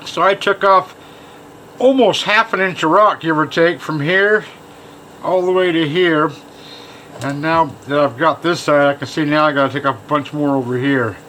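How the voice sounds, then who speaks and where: Higher-voiced man over steady machine noise. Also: moderate pace. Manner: informal, thinking aloud as they work. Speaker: fossil preparer showing own work. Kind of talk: casual hands-on demonstration. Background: machine hum.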